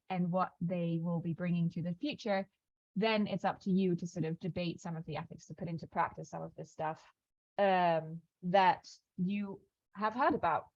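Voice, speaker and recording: A woman walking a new cohort through a program schedule on an online call, talking quickly with frequent fillers and restarts. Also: on the low side, a little mellow, no echo, highs cut off. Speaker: program staff presenting onboarding. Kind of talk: online onboarding call walkthrough. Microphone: video call.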